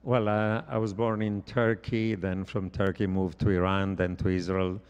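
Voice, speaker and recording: Deep flat-voiced man in a big hall. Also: clear, resonant tone. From Italy. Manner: measured, frequent hesitant fillers. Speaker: economist panelist. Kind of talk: panel discussion. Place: conference stage. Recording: reverberant conference hall.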